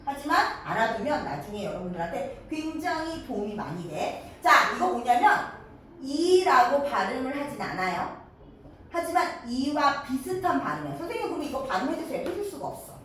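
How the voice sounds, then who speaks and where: Lively high-voiced teacher in an echoey classroom. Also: female voice, moderate pace, a little hiss or hum. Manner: lively, coaxing, checks in with students often. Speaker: middle school Korean teacher. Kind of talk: classroom grammar lesson. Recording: echoey classroom, mic far off.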